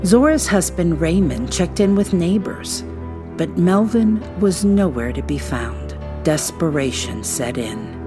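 A woman hosting a podcast, narrating a true-crime script in a suspenseful, measured storytelling manner with dramatic pauses. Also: fairly low pitch, expressive, music in the background.

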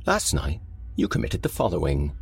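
A man voicing a calm, polite artificial facility voice that soothes a prisoner in an even, machine-like manner. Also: rumbling low, moderate pace, gravelly, husky, exaggerated voice. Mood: soothing. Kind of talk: storybook horror narration.

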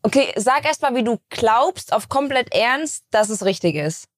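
A woman's voice: a little high, normal speed, no room sound, clean studio sound. Candid young woman from Bavaria. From Bavaria, Germany. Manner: candid, laughs easily, relaxed storytelling. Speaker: streamer guest. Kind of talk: casual podcast chat.

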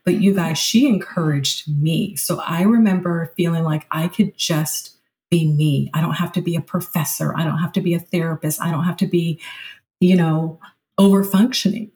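Warm, low-voiced woman telling stories. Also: moderate pace, poor audio. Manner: animated, laughs often, addresses listeners as friends. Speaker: podcast guest and parent. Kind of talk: conversational storytelling.

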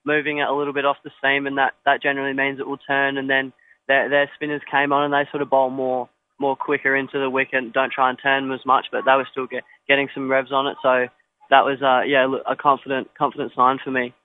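A young man talks modestly in a post-match interview, stumbling through fillers and restarts. His delivery stays flat and even. The sound is thin and tinny, as if over a phone line. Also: mid-range voice, quick pace. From Australia. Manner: hesitant, filler-heavy, modest. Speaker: cricketer.

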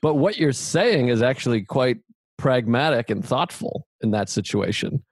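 A man hosting a casual podcast, talking in a relaxed, reflective way and swearing now and then. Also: medium pitch, moderate pace, dry recording. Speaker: podcast host.

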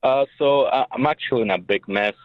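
A young man calling in to an advice show over the phone, speaking hesitantly with many pauses and filler sounds. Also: medium pitch, no room sound. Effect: heard over a phone line. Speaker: caller.

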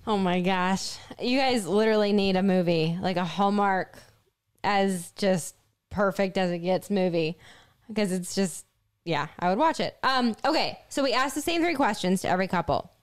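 A woman's voice: medium pitch, moderate pace, clean tone. Giggly chatty woman interviewer. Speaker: interviewer asking couples questions. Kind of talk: casual chat.

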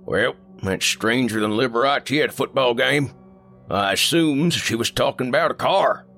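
A man's voice: medium pitch, moderate pace, creaky, sharp tone, soft background music, voice pushed up. A man voicing a folksy male trucker on the CB radio, a joking talker who slips up his grammar. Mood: chatty. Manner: drawling, homespun talk with slipped grammar.

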